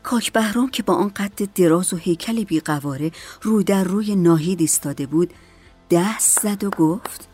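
A woman narrating a story as an audiobook in a calm, measured way. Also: on the low side, slightly rough, soft background music.

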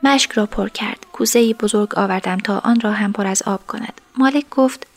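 A woman narrating a story in the first person, in a soft, sometimes whispered voice. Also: mid-range voice.

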